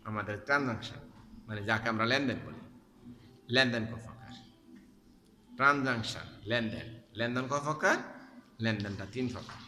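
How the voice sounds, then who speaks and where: A man teaching an accounting class, asking students questions and repeating key terms slowly so they stick. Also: medium pitch, pushed and bright. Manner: addresses students directly with questions. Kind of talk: classroom lecture. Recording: echoey hall with faint background noise.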